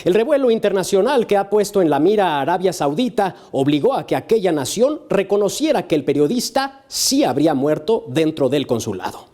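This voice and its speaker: A man's voice: high voice, mellow. A man presenting a current affairs panel show in a formal television style, as its host.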